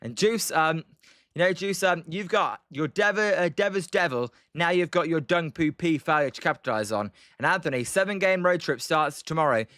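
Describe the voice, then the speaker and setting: With a high, expressive and slightly bright voice at a moderate pace, this young British streamer offers offhand game commentary in between chat replies. He rambles and hesitates, saying um and uh a lot, and the recording has no echo.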